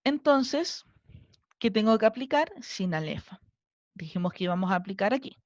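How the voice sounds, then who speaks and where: A woman's voice: mid-range voice, animated, moderate pace, no room sound, lo-fi sound. A woman teacher with a Chilean Spanish accent, giving a recorded lesson and patiently counting syllables aloud step by step. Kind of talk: recorded online class lesson.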